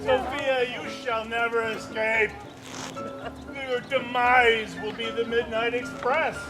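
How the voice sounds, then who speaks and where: A man's voice: extremely high pitch, flat delivery, slow, music in the background. A man playing a gloating melodrama villain with a theatrical, menacing, maniacal mad-scientist manner. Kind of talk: live outdoor melodrama performance.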